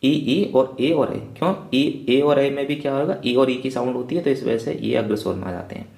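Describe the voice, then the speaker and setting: A man's voice: medium pitch, brisk, creaky, a little mellow. A male teacher giving an exam revision lecture, asking his class rhetorical questions and checking in with them over and over. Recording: echoey room.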